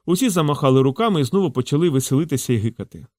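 A man's voice: on the high side, no echo. Dry-voiced male audiobook narrator. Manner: steady, measured storytelling. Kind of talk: scripted narration.

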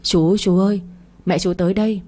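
Woman doing a shy young wife, timid, polite, mellow, husky. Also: mid-range voice, a little fast, lightly acted.

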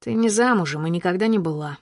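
A woman's voice: lowish voice, fast talker, no echo, clean studio sound. A woman reading the part of a stern, suspicious man who questions her coldly in clipped lines. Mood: cold accusing. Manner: cold, accusing, clipped questions. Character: stern, suspicious adult man driving a car. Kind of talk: audiobook character reading.

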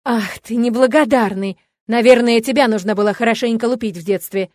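A woman voicing a cruel, contemptuous middle-aged father who shouts and sneers insults. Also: on the high side, fast, no room sound, clean studio sound, close to an everyday voice. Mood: raging.

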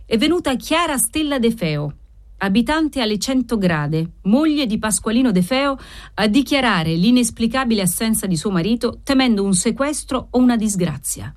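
A man's voice: very high voice, lively intonation, normal speed, pitched above the performer's own voice. A woman voicing a police inspector who speaks in an offhand, casual way.

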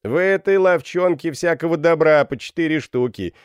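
A man voicing a crowd of unruly young male students who heckle and shout, pitched far above his own voice and loud. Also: sing-song, moderate pace, no room sound, studio quality. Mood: heckling. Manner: shouting, mocking.

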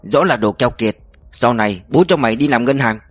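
A man's voice: mid-range voice, fairly quick, no room sound, soft background music, lightly acted. A man voicing a jovial older male chief prosecutor who jokes and banters heartily. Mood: hearty. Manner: hearty, joking.

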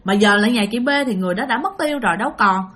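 A woman's voice: mid-range voice, rapid-fire. A woman with a Southern Vietnamese accent telling a ghost story casually, chatting straight to her listeners. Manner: animated, addresses listeners directly.

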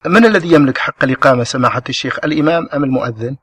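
A man's voice: medium pitch, very fast, a bit bright, husky, dry recording, clean studio sound. A man presenting a religious question-and-answer program who asks a scholar questions in a deferential, courteous manner.

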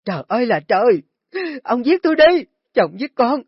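A man's voice: very high voice, sing-song, normal speed, slightly rough, dry recording, voice pushed up, full character voice. A man voicing a hysterical, stubborn older mother who shrieks and wails. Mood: wailing. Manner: shrieking, screaming complaints. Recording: dry, dull lo-fi recording.

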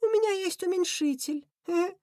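A jittery, squeaky male rat schemer who keeps shrieking and fretting, as a woman reading an audiobook puts him on. The voice sits very high and sounds nothing like her usual tone. The recording is dry and close. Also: moderate pace, no echo. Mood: scheming. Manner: nervous, excitable, shrieking. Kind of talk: audiobook character voice.

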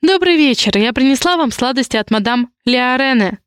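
A woman's voice: high voice, animated, normal speed, smooth, no echo, clean studio sound. A woman voicing a shy but fiery young heroine in a story, with a flustered, breathless manner. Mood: cheerful.

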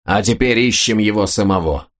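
A man reading a booming vengeful squire. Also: normal speed, natural voice. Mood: fierce. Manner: booming, harsh. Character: fierce older country squire, loud and vengeful.

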